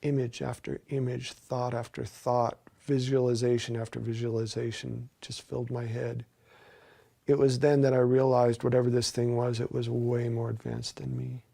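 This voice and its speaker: A man's voice: medium pitch, little pitch movement, moderate pace, vocal fry, mellow, slightly rough. A man earnestly recounting a personal experience as an interviewee, with emphatic storytelling.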